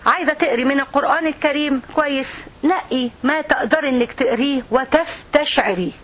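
An Egyptian woman teaches a religious lesson, her voice set high and her words coming quickly. She talks earnestly and straight to the women listening. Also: a bit bright. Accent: Egyptian Arabic.

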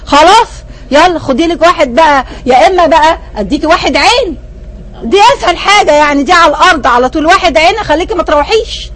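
A woman's voice: very high voice, animated, quick pace, fairly bright tone. An older woman with an Egyptian Arabic accent giving a religious lesson to women, emphatic and full of rhetorical questions aimed straight at her listeners. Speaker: religious teacher.

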